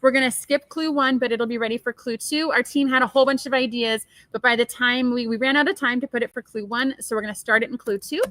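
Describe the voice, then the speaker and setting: A woman's voice: a little high, fairly even intonation, quick pace, hardly any pauses, fairly bright tone, no room sound. Chatty woman hosting a live show. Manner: chatty, answers viewer questions. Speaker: co-host of a quilt shop live show. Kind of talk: casual live-stream chat.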